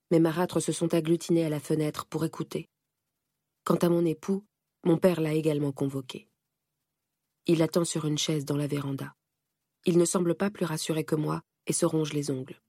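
A woman reading a first-person audiobook in a measured, steady way. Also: low voice, gravelly, breathy edge, no echo, clean studio sound. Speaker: narrator.

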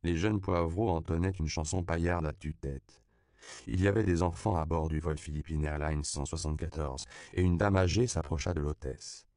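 A man with a very deep, gravelly voice reads a novel aloud in measured scripted narration. His tone is dark yet smooth, recorded close and dry. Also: dry recording. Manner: measured, storytelling. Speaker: audiobook narrator.

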